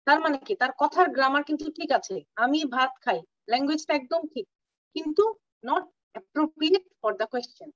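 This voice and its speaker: A woman gives an online clinical lecture, slowing down to spell out medical terms and stopping to ask if everyone follows. She sounds set back from the mic on a dull, lo-fi call with a dry, dead sound. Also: sits high, no room sound. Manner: explains terms slowly, mixing English terms, checks understanding. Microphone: video call. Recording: distant, dull lo-fi audio, dry.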